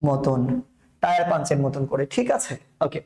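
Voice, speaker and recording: A man's voice: high-pitched, expressive, normal speed, reverberant. A young man with a Bangladeshi Bengali accent teaching Quran letter pronunciation in an online lesson, patiently repeating sounds and checking in with his students. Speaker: Quran recitation instructor.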